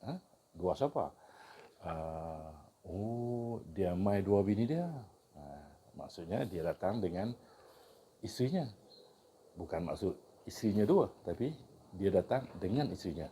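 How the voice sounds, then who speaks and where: A man teaches in an informal, explanatory way. His voice is low and mellow, and he takes his time, repeating words alongside their meanings. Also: lively intonation, measured pace, long pauses, a little hiss or hum. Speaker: teacher of Kedah dialect words. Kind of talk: informal dialect lesson with example sentences.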